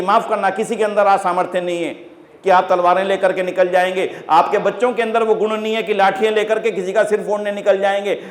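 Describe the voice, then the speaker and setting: A man giving an impassioned religious speech to a congregation, exhorting them and rising to loud peaks. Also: on the high side. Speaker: Arya Samaj speaker. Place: large hall. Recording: echoey hall, long reverb.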